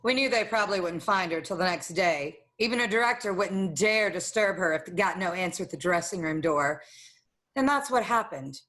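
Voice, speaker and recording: Here the same noir role, a young studio employee hiding her part in a murder, is narrated like a confession, tense and confiding. The woman's lowish voice is animated and fairly bright at a moderate pace.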